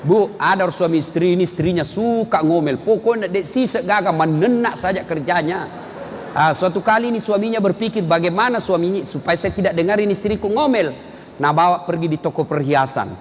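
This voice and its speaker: A male Islamic preacher, giving a humorous sermon and telling stories in an animated, teasing way with sudden shouts. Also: high voice, fairly quick, slight background noise. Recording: reverberant hall with faint ambience.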